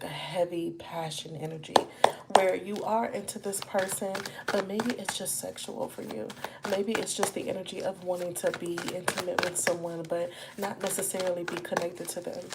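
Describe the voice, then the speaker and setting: A woman's voice: lowish voice, very noisy. A woman giving a live tarot reading, chatting with viewers and calling them y'all and baby. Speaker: tarot reader.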